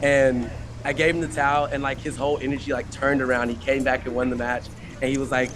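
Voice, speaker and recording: A man's voice: mid-range voice, flat delivery, fast talker, background noise. A young man, a tennis camp counselor, answering interview questions in a chatty way with many fillers, retelling what campers said. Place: outdoor tennis courts.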